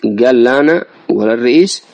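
A man with a Yemeni accent reads out an interview and breaks in with his own commentary, insistent and emphatic. He speaks quickly at a medium pitch and addresses his listeners directly as he makes his points. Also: animated, vocal fry, a little mellow, highs cut off. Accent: Yemeni Arabic. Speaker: political commentator. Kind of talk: reading an interview aloud with commentary.

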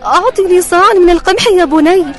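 A woman's voice: very high voice, fast talker, crowd noise. A woman narrating in the formal, theatrical storytelling manner of an old radio serial.

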